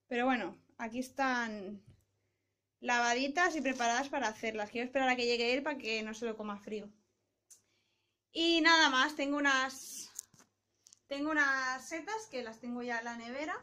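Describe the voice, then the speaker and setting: A woman's voice: high voice, bright, forceful tone. A young woman chatting cheerfully to a handheld camera at arm's length in her small apartment, explaining what she is showing. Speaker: vlogger. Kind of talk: casual vlog chat to camera. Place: small apartment kitchen and room indoors.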